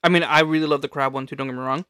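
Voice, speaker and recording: Man, podcast co-host, fairly high voice, casual chat, loud, laid-back, lots of swearing. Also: fairly even intonation, rapid-fire, clear, resonant tone. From California.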